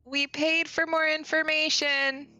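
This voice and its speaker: A woman's voice: sits high, flat delivery, a little slow, sharp tone, dry recording, soft background music. A woman chatting and bantering casually as a player in a tabletop game.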